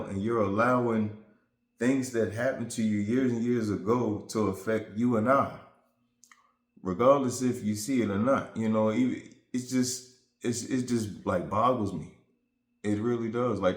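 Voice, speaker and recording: A man's voice: lowish voice, echoey room. A man vlogging to his viewers, talking through a relationship hurt in a reflective, rambling, earnest way. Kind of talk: casual vent to camera.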